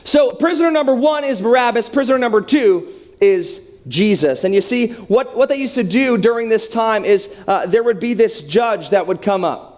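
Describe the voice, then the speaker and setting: A young man preaches to students by telling a story. His voice sits high, and his delivery is dramatic but chatty. He talks straight to the listeners as he goes. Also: lively intonation, moderate pace, a little mellow. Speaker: youth speaker.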